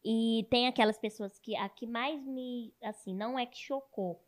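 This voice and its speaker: Lively young woman telling a story. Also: fairly high pitch, moderate pace. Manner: lively storyteller, fond of tag questions. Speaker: guest, content creator. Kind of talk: casual storytelling in an interview.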